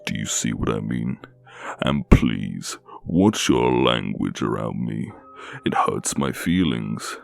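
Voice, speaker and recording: A man voicing a young male kidnapper in a scary story, with a low, haunting voice and a slow, teasing, falsely sweet manner. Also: animated, vocal fry, dry recording, faint music behind, heavily acted. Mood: mock tender.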